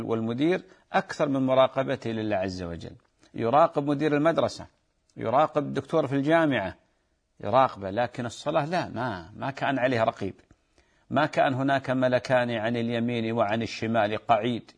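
A man's voice: medium pitch, gravelly. A man, a preacher who earnestly exhorts his listeners, reads out viewer questions and answers them firmly. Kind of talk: religious advice and fatwa answers.

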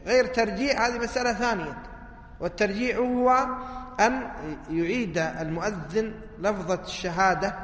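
A man's voice: high voice, normal speed, a bit bright. A man, a religious teacher lecturing on hadith texts, who keeps asking rhetorical questions and answering them himself. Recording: echoey hall reverb.

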